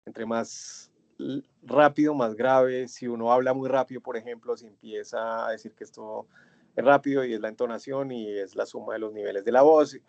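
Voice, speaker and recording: A male instructor with a Colombian accent, giving an online class lecture in a measured, drawn-out way and stressing key words. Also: mid-range voice, vocal fry, darkish tone, dry recording. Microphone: computer mic on a web conference. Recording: dull, dry web conference audio.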